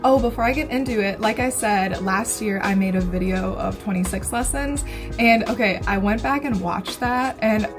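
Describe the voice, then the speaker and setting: A woman's voice: medium pitch, moderate pace. Chatty woman in her twenties over music. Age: 20s. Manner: candid, chatty, swears casually. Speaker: vlogger. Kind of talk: casual chat to camera. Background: background music.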